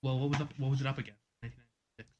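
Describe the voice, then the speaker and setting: A man's voice: mid-range voice, fairly even intonation, very fast, darkish tone, highs cut off. A man co-hosting a casual movie podcast, rambling with many ums and getting exasperated. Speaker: podcast co-host. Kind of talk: casual chat.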